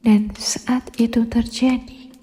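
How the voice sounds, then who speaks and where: A woman's voice: a little high, flat delivery, slow pace, dark tone. A woman in an ASMR role-play, playing a mysterious, seductive castle woman with a sultry, teasing delivery. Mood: hushed, sultry, ominous. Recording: long reverberant hall echo.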